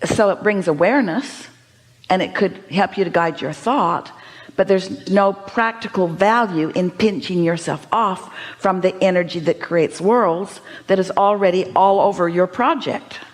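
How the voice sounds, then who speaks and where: A woman's voice: lowish voice, a little slow. A woman teaching a seminar audience, speaking as "we" and posing emphatic rhetorical questions. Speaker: inspirational speaker.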